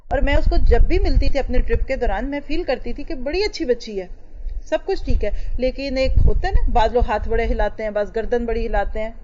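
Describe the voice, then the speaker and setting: A woman's voice: fairly high pitch, warm tone, a little hiss or hum. A woman religious teacher giving an emphatic lecture and asking her listeners rhetorical questions. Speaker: Islamic teacher. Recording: dull lo-fi recording.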